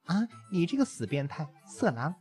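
Coquettish young woman in an audiobook, teasing, bright and lively; a man reads her. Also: medium pitch, moderate pace, soft background music, close to an everyday voice. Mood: pouting. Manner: playful, pouting.

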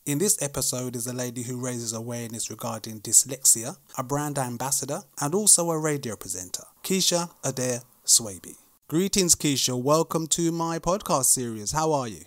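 A man hosting a podcast and asking polite, measured questions. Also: mid-range voice, no echo. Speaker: podcast host. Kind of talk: interview hosting.

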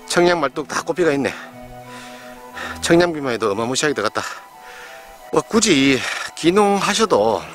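A man's voice: a little high, a bit bright. A man with a broad Gyeongsang accent hosting a casual, folksy on-site property tour outdoors on rural farmland, chatting to viewers as he points things out. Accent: Gyeongsang dialect Korean. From Gyeongsang region, South Korea. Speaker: real estate channel host. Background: background music.

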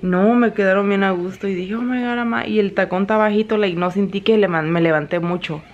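A woman's voice: medium pitch, steady tone, a little fast, lo-fi sound, slight background noise. A young woman from Mexico, chatting casually in a home vlog, mixing Spanish and English and laughing often. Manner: switches between Spanish and English mid-sentence. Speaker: vlogger.

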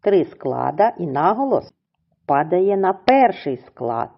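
Slow husky teacher lady sounding out syllables for little kids, lots of up and down in her voice. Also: on the low side, big pitch swings, dull audio. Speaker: primary school teacher. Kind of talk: slow, clearly articulated reading lesson.

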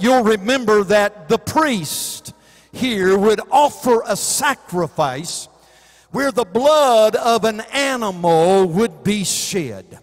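Sitting high in pitch, this man's voice comes with no room sound. He's a pastor in his forties with a Southern US accent, delivering an impassioned sermon from the church sanctuary stage on a handheld mic, building up to shouts.

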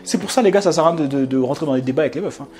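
A man's voice: fairly high pitch, racing. A man, talking casually to his viewers, acting out little exchanges and laughing often. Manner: animated, acts out quoted voices, laughs often. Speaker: YouTube channel host. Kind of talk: casual monologue to camera.

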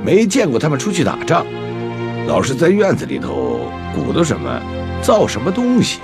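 A man's voice: mid-range voice, huge pitch swings, normal speed, gravelly, over music. An actor playing a plain, helpful male village head who explains things patiently in a TV war drama. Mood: explaining.

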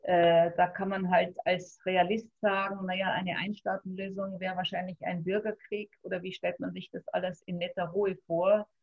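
A woman's voice: lowish voice, level tone, moderate pace, creaky, hardly any pauses. A middle-aged woman speaks in a sceptical, matter-of-fact way during an analytical panel conversation on a video call from a room at home, with many fillers and restarts. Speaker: panel participant. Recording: dull, muffled video-call audio.

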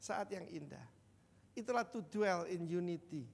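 An older man delivers an animated sermon in a fairly high, gravelly voice, breaking into sudden loud bursts and speaking straight to the congregation. He is recorded in a large church hall with a long reverb trailing his words. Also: measured pace. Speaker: senior pastor.

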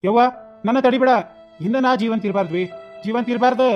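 Sad guilty cartoon son, a guy voicing him, slow and solemn, north karnataka accent, mid pitch, music in the back. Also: highs cut off, lightly acted. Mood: remorseful. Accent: North Karnataka Kannada. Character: remorseful grown son, tearful and guilty.

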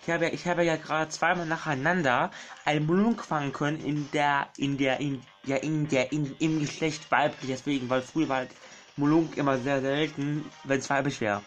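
A young man commentating his gameplay casually, excitable, swearing and pleading with the game while addressing his viewers as friends. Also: fairly high pitch, moderate pace, faint music behind. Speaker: gaming channel host.

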